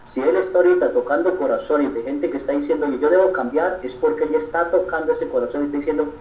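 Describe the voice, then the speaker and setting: Earnest priest preaching in a roomy hall. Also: male voice, fairly high pitch, quick pace. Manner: earnest preaching with repeated "¿sí?" checks. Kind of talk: sermon. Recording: roomy, distant, dull sound.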